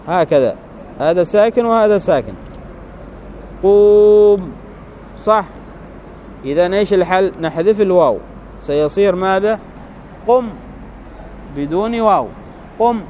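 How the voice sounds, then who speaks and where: In a dull lo-fi clip with a bit of hiss or hum, a high-voiced man with a darkish tone walks through Arabic grammar. He goes slowly and carefully, step by step, constantly asking "right?" to check comprehension.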